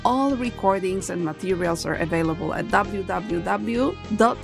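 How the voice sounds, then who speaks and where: Polish woman host, deliberate delivery, mid voice, soft music under. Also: medium pitch, expressive, creaky. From Poland. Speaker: podcast host. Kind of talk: scripted intro and interview questions.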